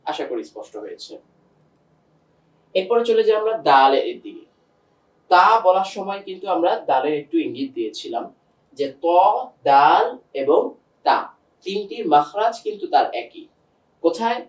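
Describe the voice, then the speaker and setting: A man gives a pronunciation lesson, stretching each sound and saying it again and again. His voice sits a bit high for a man. He is recorded from some distance in a room with a noticeable echo. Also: very animated, normal speed, pauses often. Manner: patient, repeats and drags out sounds to demonstrate. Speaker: teacher. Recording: echoey room, voice set back from the mic.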